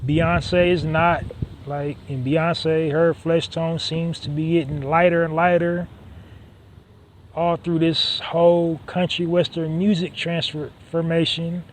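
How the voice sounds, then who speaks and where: Man hosting a solo podcast, fairly high voice. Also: slight background noise. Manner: conversational, emphatic repetition, frequent "um" fillers. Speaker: podcast host.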